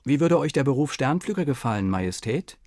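A man voicing a courteous young court messenger in a fairy tale, speaking in a friendly, gently persuasive way. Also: medium pitch, sing-song, moderate pace.

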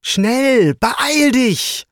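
A man voicing a brave, eager little boy who plays a knight, calling out in a high, excited voice. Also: slow pace, husky, dry recording, clean studio sound, heavily acted.

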